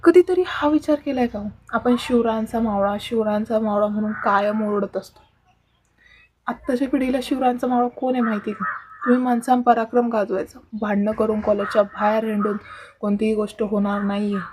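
A woman's voice: a little high, steady tone, fairly quick, a little mellow, slight background noise. A teenage girl hosting a casual advice vlog, earnest and lecturing, speaking straight to her viewers. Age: teens. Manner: earnest, lecturing, keeps addressing viewers directly. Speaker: vlogger host.

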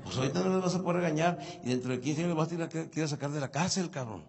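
A man's voice: a little high, racing, creaky, darkish tone. A middle-aged man with a Mexican accent doing a stand-up comedy routine, telling crude slang-heavy stories and acting out both sides of a dialogue, on stage before a live audience. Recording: reverberant venue with faint ambient noise.

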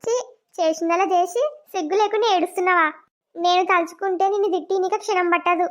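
Woman voicing a stern, very high young wife. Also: fairly even intonation, fast. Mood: scolding. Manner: scolding, blunt village speech. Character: stern young wife, sharp-tongued when crossed. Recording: dull lo-fi cartoon audio.

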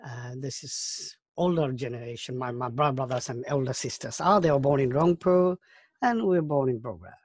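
A man in his fifties from Bangladesh, speaking at a middle pitch in an interview. He talks thoughtfully and halts and restarts his phrases. The sound is close and dry, with no room echo. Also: normal speed. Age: 50s. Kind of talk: oral history interview.

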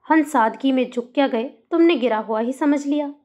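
A woman's voice: sits high, moderate pace, darkish tone, close to an everyday voice. Woman reading a cold stern husband. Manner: curt, controlled, cold.

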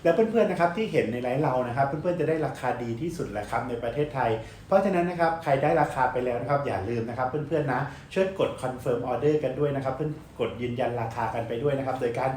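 A man delivering a fast, hyped live-selling pitch, urging viewers on with repeated polite sentence endings. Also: darkish tone. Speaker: live-stream shop seller. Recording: echoey room with faint background noise.

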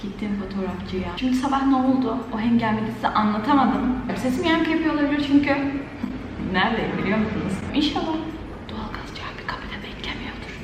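High-voiced young woman with echoing sound. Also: lively intonation, a little fast. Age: young adult. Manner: chatty, joking, talks straight to viewers. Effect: echoing voice in an enclosed space. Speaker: vlogger. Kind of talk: casual comic vlog chat. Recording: echoey hall with faint background noise.

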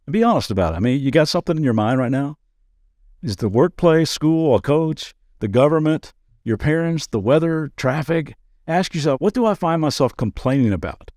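A man's voice: a little high, lively intonation, a little fast, darkish tone, no room sound, studio quality. A man pastor giving a daily devotional podcast talk in an earnest, conversational way, with playful asides.

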